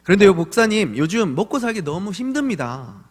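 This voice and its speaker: A man in his thirties preaching a church sermon with a fairly high, very lively voice that swoops up and down as he tells stories. He slips into playful acted voices of his kids. Long reverb from the church hall trails behind his words. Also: a little fast. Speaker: pastor. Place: church sanctuary.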